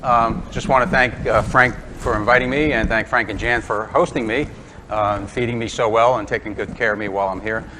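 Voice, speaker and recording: A Brooklyn man in his sixties with a New York accent gives a chatty, self-deprecating woodturning demonstration to a club audience in a workshop or club room, full of ums and uhs. His voice is on the low side, steady, brisk, and sharp, on a low-quality recording with slight background noise.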